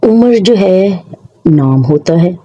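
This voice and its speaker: A channel host teaches pronunciation in a patient, explanatory way, saying each word slowly and then again. The voice is mellow and somewhat husky. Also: medium pitch, fairly even intonation, muffled recording. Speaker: Urdu language teacher. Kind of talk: pronunciation lesson for a video channel.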